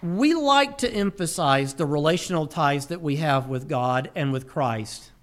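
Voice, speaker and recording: A man's voice: on the high side, measured pace. A middle-aged man preaching a sermon, telling stories with energy and repeating key phrases for emphasis. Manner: animated storytelling, emphatic repetition.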